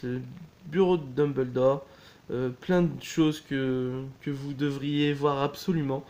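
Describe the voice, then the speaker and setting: A man's voice: a little high, a little mellow. A man chatting casually as he shows a DVD box set, talking in a loose, hesitant way and often correcting himself. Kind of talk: casual unboxing chat.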